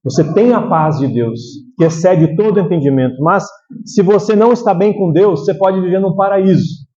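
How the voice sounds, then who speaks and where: A man's voice: sits high, normal speed, dark tone, lo-fi sound. A man with a Brazilian Portuguese accent preaching a sermon, talking conversationally and checking in with the congregation. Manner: conversational, keeps asking the congregation "né?". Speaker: pastor.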